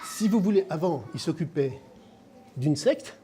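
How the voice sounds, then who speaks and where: A man's voice: fairly high pitch, animated, a little slow, mellow, slight background noise. A man giving a comic birthday speech at a family party, telling pun jokes and chuckling at them. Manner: wordplay jokes, chuckling at his own puns. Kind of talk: comic party speech with a pretend phone call.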